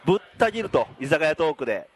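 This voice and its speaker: A man's voice: fairly high pitch, fast, slightly rough. A man hosting a casual podcast recorded in a busy izakaya, asking questions and laughing along, with an Ehime accent. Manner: lively, laughing, leading questions. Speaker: podcast host. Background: pub chatter.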